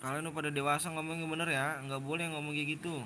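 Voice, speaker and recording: Young man, Jakarta accent, casual stream host, slightly high voice, faint hiss behind. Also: flat delivery, very fast, bright, forceful tone. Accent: Jakarta Indonesian. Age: 20s. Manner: slangy, repeats himself, lectures viewers on manners. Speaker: livestream host running custom game rooms. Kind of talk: casual livestream chat.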